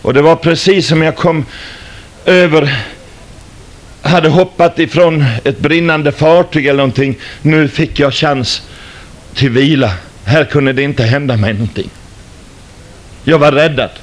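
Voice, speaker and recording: A man's voice: a little high, pauses often. An older man, a former stage entertainer, telling his religious testimony as a dramatic storyteller who likes rhetorical questions.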